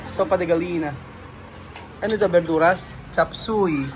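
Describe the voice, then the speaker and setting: A Filipino man hosting a casual food vlog, chatty and quick to laugh, asking lots of questions. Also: high voice. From Philippines. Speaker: vlogger host. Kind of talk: casual chat while eating. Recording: crowd noise behind.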